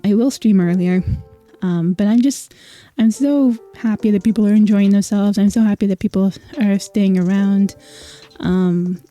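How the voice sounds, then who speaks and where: A dark-toned, mid-range female voice belongs to a vtuber streamer from Scotland with a largely American-sounding accent. She chats casually with her livestream audience, talkative and apologetic, leaning on many fillers.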